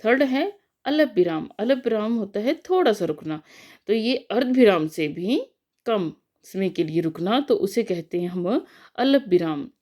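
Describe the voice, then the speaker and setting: A young woman with a mellow, darker voice walks through a grammar lesson step by step. She talks patiently, often checking in with a quick "okay" and a filler before slowing down on her examples. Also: medium pitch, expressive. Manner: patient, repeats "ठीक है" and "अ" fillers, slows on examples. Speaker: teacher. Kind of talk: explanatory Hindi grammar lesson.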